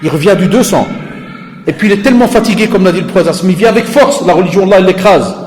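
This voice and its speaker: Animated preacher in a reverberant hall. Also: male voice, high voice, fast, faint music behind. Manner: animated, conversational, dialogue-acting. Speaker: preacher, lecturer. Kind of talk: lively sermon with storytelling.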